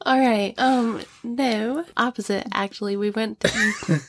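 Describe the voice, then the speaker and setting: Gravelly-voiced woman co-hosting a chat. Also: on the high side, steady tone, slow. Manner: teasing, playful, laughs often. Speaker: podcast co-host. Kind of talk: casual chat.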